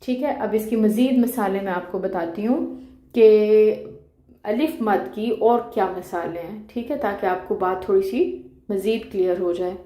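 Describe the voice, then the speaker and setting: Teaching Quran recitation in an online session, this woman has a warm, mid-range voice. She explains things patiently one step at a time, checks in with "okay," and holds out the sounds as she demonstrates them.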